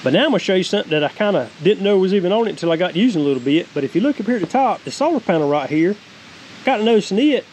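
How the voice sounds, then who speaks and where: A middle-aged man with a Southern American accent gives a casual, folksy, plain-spoken product review in a high, animated, slightly mellow voice, talking very fast. The low-quality recording has faint hiss and outdoor noise.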